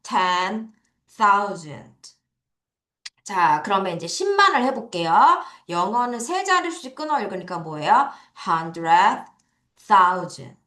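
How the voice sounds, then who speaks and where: Speaking slowly but very animatedly, a woman with a sharp, mid-range voice leads a recorded lesson on English number words for children. The academy classroom is reverberant, and she works through the material step by step, posing quiz questions and answering them.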